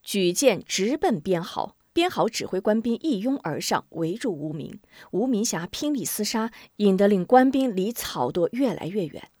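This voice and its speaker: A woman telling a martial-arts story with vivid, expressive narration. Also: medium pitch, moderate pace, dry recording, studio quality.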